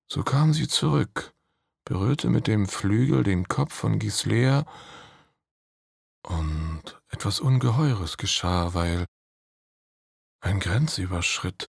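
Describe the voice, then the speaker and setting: Male storyteller, fairy tale, unhurried measured telling, hushed pauses, dry close sound. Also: on the low side, creaky, breathy edge, dry recording. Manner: slow, measured narration with hushed dramatic pauses.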